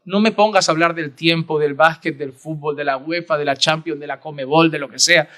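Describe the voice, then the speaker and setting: A man preaching a sermon as pastor, earnest, rising to loud emphasis and dropping to hushed prayer. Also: a little high, fairly even intonation, a little fast.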